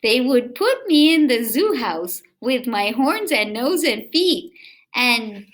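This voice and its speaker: Slow and fairly high-pitched, a woman gives an expressive picture-book reading for children, drawing out words and chatting to her young listeners with questions.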